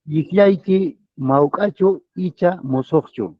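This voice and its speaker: A man asking his teacher a question in a live class, hesitant and filling pauses. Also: on the high side. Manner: hesitant, fills with "este". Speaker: student. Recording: thin phone-like line.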